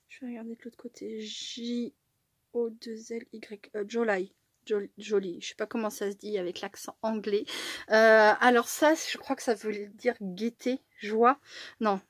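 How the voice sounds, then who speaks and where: Chatty woman crafter vlogging, lots of euh and little laughs, higher voice, dry sound. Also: a bit bright, no echo. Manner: chatty, many fillers, frequent small laughs. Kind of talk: casual unboxing and crafting chat.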